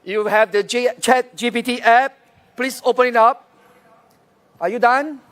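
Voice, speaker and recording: Singaporean male candidate, very high voice, political rally speech, speaks straight to the crowd. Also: fairly even intonation, measured pace, a bit bright. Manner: addresses crowd directly with questions and instructions. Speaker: election candidate. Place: outdoor rally field, over a PA.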